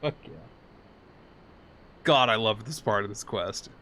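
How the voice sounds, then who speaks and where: A man's voice: fairly low pitch, a little slow, bright, forceful tone. A man giving casual, rambling gameplay commentary, sweary and self-deprecating. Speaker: game streamer.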